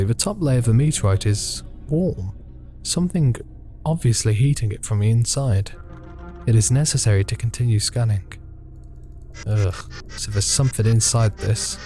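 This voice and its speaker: A man's voice: lowish voice, moderate pace, long pauses, dark tone, faint music behind. A man playing a visual novel, reading its narration aloud and reacting with swearing and jokes. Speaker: gaming video host.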